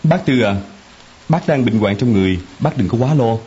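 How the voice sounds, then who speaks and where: An actor playing a devoted young man in a radio drama, talking earnestly and fast. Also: mid-range voice, animated, mellow, slightly rough. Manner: earnest, rapid pleading. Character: devoted young man, anxious then relieved. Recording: dull lo-fi radio drama recording.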